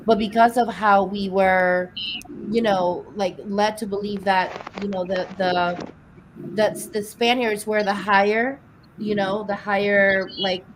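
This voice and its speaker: A woman's voice: medium pitch, flat delivery, slight background noise, poor audio. A woman from Venezuela in a casual group chat, speaking reflectively with frequent restarts. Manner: halting, restarts often, reflective. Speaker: chat participant.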